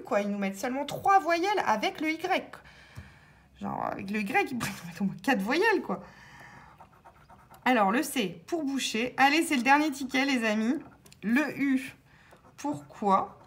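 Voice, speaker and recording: A woman's voice: fairly high pitch, a bit bright. A woman vlogging as she scratches lottery tickets, chatting casually and calling out the letters as she goes. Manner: chatty, thinks aloud, spells out letters.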